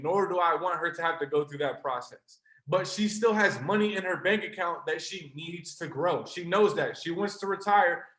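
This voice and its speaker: Young guy hyping up a live call, earnest and passionate, kinda high bright voice, echoey room. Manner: earnest, passionate, talks straight to the audience. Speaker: trading mentor presenting to a live call. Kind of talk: motivational sales pitch on a webinar. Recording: roomy echo.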